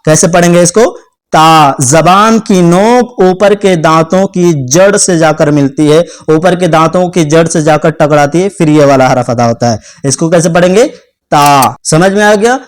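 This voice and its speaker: Young man teaching a beginner lesson, a touch high in pitch, slow repetitions, keeps asking if it's understood. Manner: repeats letters slowly, checks understanding often. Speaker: Quran teacher. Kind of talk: patient step-by-step lesson.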